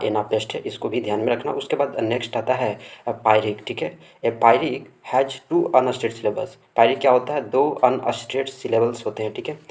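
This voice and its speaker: A man at a middle pitch, teaching a lesson. He reads definitions slowly and deliberately, then explains them more quickly. Fillers and checks on whether the students follow come up often. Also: a little mellow. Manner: frequent fillers and tag checks. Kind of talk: classroom lecture.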